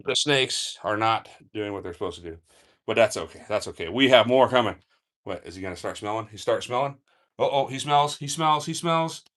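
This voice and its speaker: Chatty man hosting a snake-feeding stream. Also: on the low side. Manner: relaxed and chatty, coaxing the snakes and answering viewers' questions. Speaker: reptile keeper streaming a live snake feeding. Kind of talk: casual live-stream narration. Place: indoor snake room with enclosures. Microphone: handheld phone camera.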